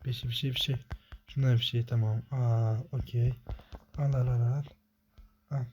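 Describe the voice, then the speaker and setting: A young man commentating his own gameplay, talking to himself in rapid muttered repetitions and swearing when frustrated. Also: medium pitch, level tone, a little mellow, a little hiss or hum. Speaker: gamer.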